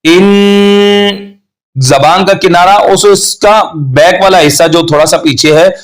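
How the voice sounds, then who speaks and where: A man teaching tajweed pronunciation, patiently correcting mistakes and slowly stretching out recited examples. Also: a little high. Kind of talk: tajweed lesson with slow demonstrations.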